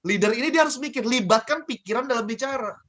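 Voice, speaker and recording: A man giving a lively coaching talk on communication, asking and answering his own questions and repeating key phrases. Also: very high-pitched, fast talker. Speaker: guest speaker on communication.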